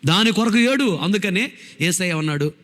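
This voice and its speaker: A man's voice: high-pitched, animated, moderate pace, a bit bright, big-room sound. A male pastor preaching a sermon, emphatic, firing rhetorical questions at his congregation.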